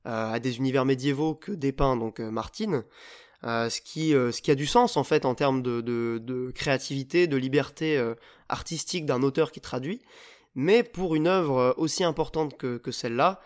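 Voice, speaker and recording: Podcast host, male, mid-pitched, halting delivery full of fillers; casual chat. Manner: hesitant, many filler sounds and restarts.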